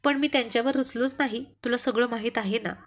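A good-natured young man who jokes easily with his friend, as a woman reads him. Told as a spoken family story, in a somewhat high voice. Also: fast talker, natural voice. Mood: friendly.

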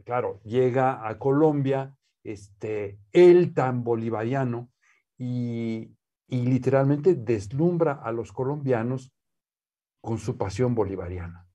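Seated in a bookshelf-lined living room, a Mexican man talks slowly in a relaxed interview as the guest, a scholar and the poet's nephew. His warm, mellow mid-range voice sounds like it has the highs cut off, and he frequently hesitates, restarts, and says "este".

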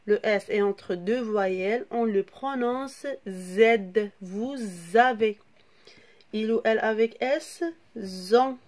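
A woman's voice: on the high side, darkish tone. A woman teaching a French grammar lesson to young children, spelling words out letter by letter and asking the class questions. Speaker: primary school French teacher.

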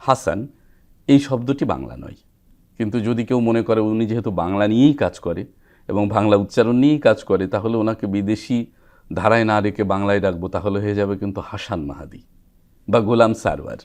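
A man teaches pronunciation as a recitation trainer. He speaks in a measured, didactic way and pauses to sound out example words. He is recorded in a television studio. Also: lowish voice, a little mellow. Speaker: recitation trainer, guest expert. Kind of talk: explaining pronunciation rules on TV.

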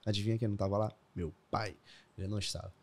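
A man's voice: on the low side, fairly even intonation, racing, darkish tone. A young man in his twenties with a Brazilian Portuguese accent, a guest telling stories in a casual podcast interview and laughing often. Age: 20s. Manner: storytelling, laughs often, says "velho". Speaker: guest trader.

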